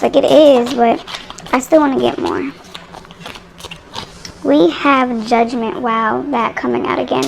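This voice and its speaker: Chatty woman with a gravelly edge. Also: sits high, a little mellow, a little hiss or hum, rough recording. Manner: chatty and rambling, addressing viewers directly. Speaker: tarot reader. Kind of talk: casual tarot reading to viewers. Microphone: phone microphone.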